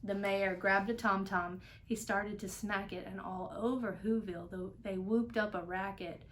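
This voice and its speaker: Reading from a children's storybook, a woman narrates with expression at a normal speed, her voice mid-range.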